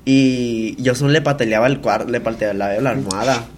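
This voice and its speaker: A man's voice: medium pitch, fairly quick, a little hiss or hum. Young Mexican man telling a rambling story. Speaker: podcast co-host. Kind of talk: casual chat among friends.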